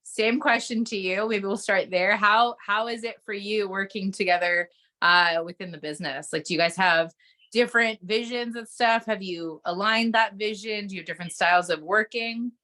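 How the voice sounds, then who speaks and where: Bright-voiced enthusiastic woman host. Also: medium pitch, moderate pace. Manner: enthusiastic, warm interviewer with rambling questions. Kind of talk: casual interview chat.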